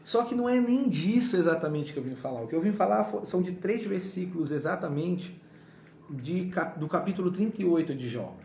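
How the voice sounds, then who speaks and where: A man's voice: lively intonation, a little fast, gravelly, darkish tone, slight background noise. A man giving a casual devotional talk and playfully acting out dialogue from the Bible. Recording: echoey room, dull low-fi sound.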